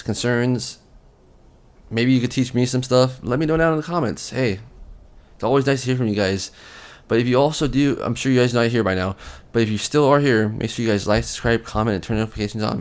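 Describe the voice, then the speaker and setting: A man hosting a collecting channel, giving casual advice straight to camera in a relaxed, rambling way, with frequent ums and repeated words. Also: mid-range voice, clean tone.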